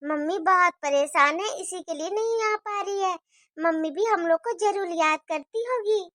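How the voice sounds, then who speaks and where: A woman's voice: extremely high pitch, normal speed, a bit bright, no echo, clean studio sound. A woman voicing a caring older sister in a cartoon story, coaxing and comforting her crying sibling.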